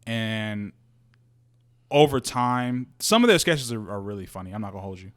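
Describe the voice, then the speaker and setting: A man's voice: on the low side, sing-song, normal speed. Young man, laid-back profane podcast chat. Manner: loose, profane storytelling that slips into quoted voices; laughs often while talking. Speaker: podcast co-host. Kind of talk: casual chat.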